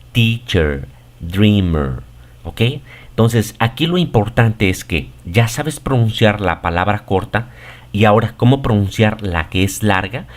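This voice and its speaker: A man teaching English pronunciation, explaining patiently and often checking in with the listener. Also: on the low side. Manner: says English example words slowly and deliberately. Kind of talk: pronunciation lesson.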